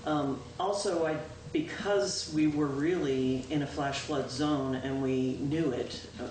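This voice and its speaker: This noisy, echoey local-access recording, picked up by a distant microphone in a town meeting room, features a woman clerk giving the board a casual report at a public meeting. Her voice is loud and low, and she chats along with frequent "um"s and corrections of herself.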